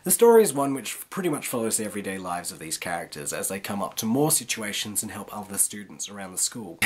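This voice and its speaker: A woman presents a review in a hoarse, flu-roughened rasp. Her husky delivery swings widely in pitch as she talks through her points like a video host. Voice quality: raspy, rough voice from illness. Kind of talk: review to camera, semi-scripted.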